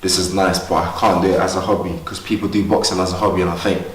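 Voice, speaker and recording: A man's voice: low voice, little pitch movement, fast talker, roomy sound, far from the mic, slight background noise, low-quality recording. A young man from Ghana, a boxer, talking earnestly and upbeat in a casual interview at a boxing gym. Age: young adult. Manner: earnest, upbeat, talks freely.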